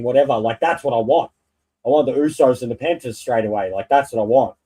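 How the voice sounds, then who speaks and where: A man's voice: mid-range voice, a little mellow, rough recording. A man as a guest in a casual sports and wrestling chat, talking in a blunt, slangy, sweary way.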